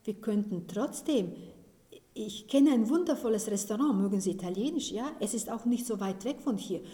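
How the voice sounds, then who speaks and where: A woman voicing a bold, courtly old man who speaks gently and politely, in a roomy recording. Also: mid-range voice, animated, moderate pace, pitched above the performer's own voice, natural voice.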